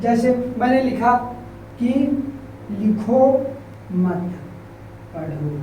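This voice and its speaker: Male teacher, classroom lecture, rhetorical questions, slow repetition, off-mic, heavy room echo. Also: very high-pitched, dark tone. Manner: asks rhetorical questions then answers them, repeats key terms slowly. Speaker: Hindi grammar teacher. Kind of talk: classroom lecture explaining at a board. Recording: very echoey room, mic far off, faint background hiss.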